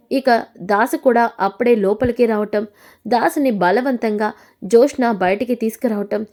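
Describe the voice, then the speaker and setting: A woman recounts a drama serial episode in a storytelling voice that sits a little high. She reads the characters' lines with dramatic shifts in feeling. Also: a little mellow. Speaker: narrator retelling a TV serial episode. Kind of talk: storytelling recap with voiced quotes.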